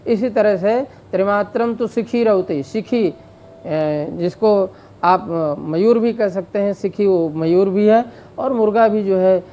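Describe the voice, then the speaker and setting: A man teaching Sanskrit grammar in a slow explanatory lecture, drawing out vowel sounds to demonstrate them, with frequent fillers. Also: high voice, mellow, highs cut off, slight background noise. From India.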